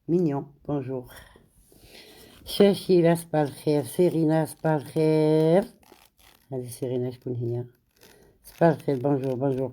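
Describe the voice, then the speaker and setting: A middle-aged woman hosts a casual live chat. She greets viewers one by one in a relaxed way, and her voice sits low and dark. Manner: switches between French and Arabic, greets viewers by name. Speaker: live stream host.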